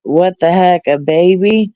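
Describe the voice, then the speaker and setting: A man in his forties in a casual group chat, recounting events in a halting way. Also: sits high, dark tone, dry recording, highs cut off. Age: 40s. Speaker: panel guest.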